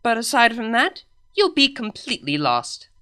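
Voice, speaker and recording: Luna, a woman doing a deadpan pony princess. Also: fairly high pitch, normal speed, clear, resonant tone, pitched above the performer's own voice, exaggerated voice. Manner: deadpan, matter-of-fact, lightly pompous. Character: blunt deadpan alicorn princess, adult mare, proud.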